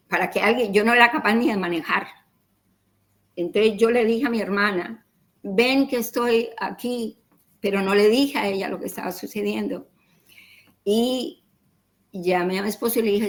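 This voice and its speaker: A middle-aged woman with a mid-range voice tells her personal story as an interview guest, acting out dialogue in quoted voices and repeating words along the way. The audio quality is poor.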